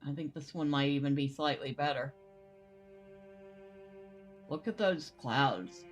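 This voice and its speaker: Lady streamer talking slow over a game, lowish voice, chats with viewers. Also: faint music behind. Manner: chatty, answers chat between exclamations. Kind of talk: casual live-stream commentary.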